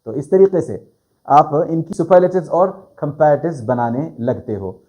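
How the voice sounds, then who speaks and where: A man teaching grammar to a video audience, his fairly high voice swinging up and down on every point. He draws out key words for stress, and his tone stays mellow and soft-edged. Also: lively intonation. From South Asia. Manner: explains slowly, stretches and stresses words. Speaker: English teacher. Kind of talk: grammar lesson.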